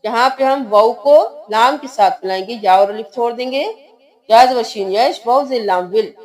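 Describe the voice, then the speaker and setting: A woman teaching Quran reading, spelling out letters and slowly chanting each word, patient and repetitive. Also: on the high side, a little mellow. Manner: patient, repeats words slowly with drawn-out chanting.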